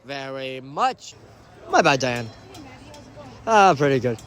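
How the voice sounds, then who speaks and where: A man giving excitable sideline commentary on a youth soccer match, groaning and shouting as plays unfold. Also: medium pitch, slow pace, some chatter behind. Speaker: amateur commentator.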